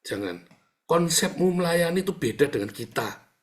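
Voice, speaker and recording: A man preaching a sermon. He talks to his listeners like a chatty teaser, breaks into sound-effect words, and swings between booming outbursts and soft asides. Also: very animated, moderate pace. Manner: addresses listeners as "saudara", chatty and teasing. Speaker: pastor.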